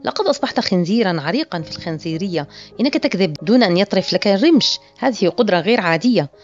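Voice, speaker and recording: A mocking, seductive grown woman who teases her lover and turns possessive, as a female reader puts her on. The lines come quickly over a muffled, lo-fi track with faint music underneath. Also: mid-range voice, lively intonation, lightly acted. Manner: mocking and playful.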